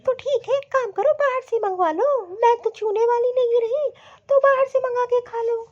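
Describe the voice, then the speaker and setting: A woman's voice: very high voice, moderate pace, a little mellow, lo-fi sound. A woman voicing a defiant young daughter-in-law in a cartoon, snappy and talking back. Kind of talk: cartoon voice acting.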